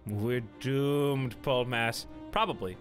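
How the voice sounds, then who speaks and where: Speaking slowly at a medium pitch, a man with a cold chats casually with his live-stream viewers while playing a game at home on a desk mic. He greets them and makes jokes, and faint game music sits in the background.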